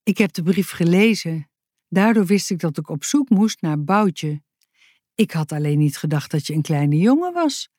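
A woman's voice: on the low side, expressive, moderate pace, a little mellow, no echo, studio quality. A woman voicing a friendly, chatty man who cleans at a prison, in a children's story.

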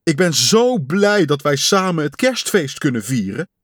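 A man voicing an anxious, caring male toad who frets and cries out loudly in a storybook reading. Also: on the high side, very animated, a little slow, no echo, studio quality, voice pushed up. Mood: relieved. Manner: fretful, rising to loud cries.

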